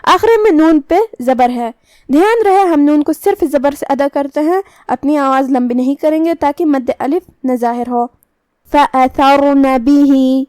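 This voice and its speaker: A woman teaching Quran recitation, calmly explaining each letter and its rule, then reciting slowly. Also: high-pitched, no echo. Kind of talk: tajweed lesson with slow recitation.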